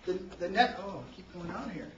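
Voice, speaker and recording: High-voiced man lecturing a workshop. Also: fairly quick, a little hiss or hum. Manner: quizzes the audience, tags lines with "right?"; energetic, varies loudness for emphasis. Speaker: seminar presenter. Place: seminar room. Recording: echoey, distant, dull room recording.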